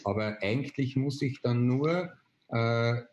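A man, explaining a software tool step by step on a video call, with frequent hesitation fillers. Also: medium pitch, unhurried, dull audio, slight background noise. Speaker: presenter. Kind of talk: online webinar demonstration. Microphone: video call webcam.

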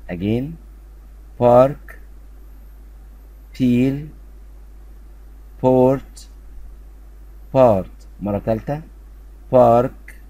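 A man with an Egyptian Arabic accent teaching a beginner English lesson, drilling words slowly and having students repeat after him. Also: fairly low pitch, warm tone, slightly rough.

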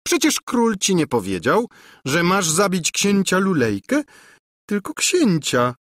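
A man voicing a scheming older woman housekeeper who talks in a hushed voice. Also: high-pitched, huge pitch swings, unhurried, dry recording, clean studio sound, voice pushed up, full character voice. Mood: sly. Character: scheming whispering female housekeeper.

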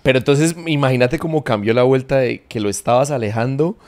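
A man, hosting a podcast, joking and laughing with quick interjections. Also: mid-range voice, a little mellow. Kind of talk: casual interview chat.

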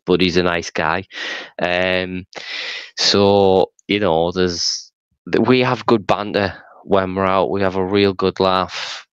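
A man's voice: low-pitched, a bit bright, smooth, dry recording, lo-fi sound. A middle-aged man telling stories in a casual, rambling but emphatic way over a headset on a video call. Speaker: street evangelist being interviewed. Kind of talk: casual conversational storytelling. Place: small room at home, video call. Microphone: headset microphone.

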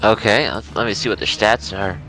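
A man's voice: fairly low pitch, brisk, pushed and bright, faint music behind. A man playing a board game, hesitant, reading stats and counting spaces aloud. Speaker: player. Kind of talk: casual game chat.

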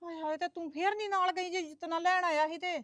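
A woman plays a fussing mother who lectures her married daughter between sighing exclamations. Her voice is high and sits close in a dry recording. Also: steady tone, fairly quick, a bit bright, no room sound. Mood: lecturing. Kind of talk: comedy skit acting.

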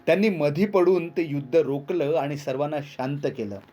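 A man with a somewhat high voice reads a village tale as a storyteller. He narrates steadily and lifts his voice to play out the characters' quarrels. Faint instrumental music runs underneath. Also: normal speed. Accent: Marathi. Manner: acts out village characters' lines in raised voices. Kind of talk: dramatic story reading. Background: soft instrumental music.

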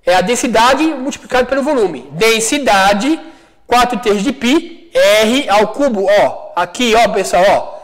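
Brazilian guy teaching physics on a school broadcast, really high voice, chatty, keeps asking if you're following. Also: lively intonation, unhurried, low-quality recording. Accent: Brazilian Portuguese. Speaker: studio teacher. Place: classroom studio.

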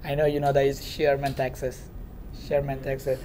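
Filmed from far away, a young native Rohingya speaker from Myanmar addresses a classroom as a guest, earnestly storytelling and gesturing with his hands. He speaks at a normal speed in a mid-range, monotone, dark-toned voice, with slight hiss or hum on the audio.

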